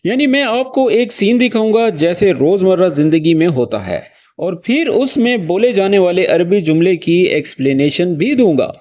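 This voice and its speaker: High-voiced man teaching spoken Arabic. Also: darkish tone. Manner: explains each phrase slowly, then repeats it with acted feeling. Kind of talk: friendly spoken-language lesson with acted phrases.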